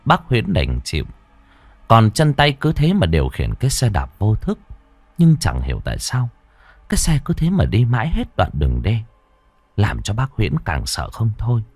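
A man's voice: lowish voice, wildly swooping pitch, normal speed, no echo. A man narrating a ghost story in a dramatic storytelling manner. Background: faint music.

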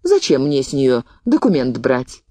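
A woman's voice: extremely low pitch, measured pace, dry recording, voice pushed down, heavily acted. A woman reading an audiobook, voicing a shrewd, talkative old woman peddler who tells her tale in a folksy, indignant way. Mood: shrewd explaining. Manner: folksy storytelling, lively and indignant.

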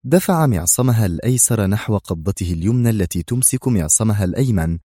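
A man narrating an action novel as a dramatic audiobook, moving his pitch a lot through the story. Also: lively intonation, fast talker, warm tone, no echo, clean studio sound.

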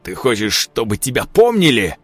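A man voicing a stern, defiant middle-aged male major who talks with forceful shouts. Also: medium pitch, huge pitch swings, normal speed, slightly rough, no room sound, soft background music, exaggerated voice. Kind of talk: audiobook character voice.

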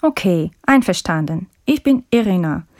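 A woman playing a friendly language-course student who interviews a classmate in a scripted textbook dialogue, speaking politely with clear, careful diction. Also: fairly low pitch, animated, moderate pace, a little mellow. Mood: friendly, curious.

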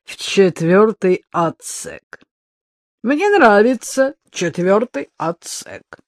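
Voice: medium pitch, sing-song, takes it slowly, no room sound, studio quality, pitched above the performer's own voice. A reader voicing a spiteful male smuggler with a strong foreign accent who drawls and insists. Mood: sullen menace.

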